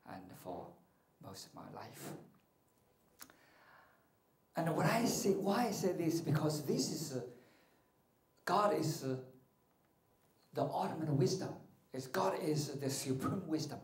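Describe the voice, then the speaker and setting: A middle-aged martial arts and meditation teacher gives a playful spiritual talk, joking with his audience and asking them questions. He speaks into a handheld mic in a large hall with a curtained stage, his voice a little high and mellow. The hall sounds echoey.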